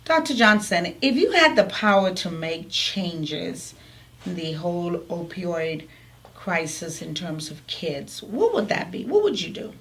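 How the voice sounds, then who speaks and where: A woman's voice: on the low side, sing-song, a little slow, fairly bright tone. A woman from the Bahamas, hosting an interview and asking upbeat questions. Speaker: interview host. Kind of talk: hosted interview.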